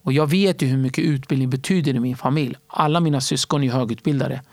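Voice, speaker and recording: A man telling stories in a casual interview, animated and fond of acting out other people's voices. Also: mid-range voice, no room sound. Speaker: stand-up comedy entrepreneur and guest.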